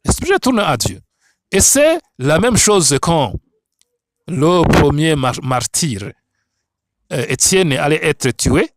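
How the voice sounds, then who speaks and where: A man's voice: on the high side, big pitch swings, slow pace, long pauses, dry recording. A man with a foreign accent in French, a non-native speaker, teaching the Bible like a preacher in an emphatic, repetitive, didactic way with rhetorical questions. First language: not French.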